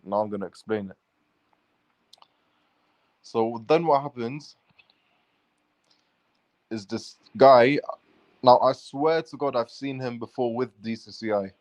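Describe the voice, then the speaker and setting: With a mid-range voice, this vlogger speaks slowly and pauses often while describing a run-in to his viewers. He swears freely and strings together restless run-on sentences in casual, rambling fashion, with no room sound.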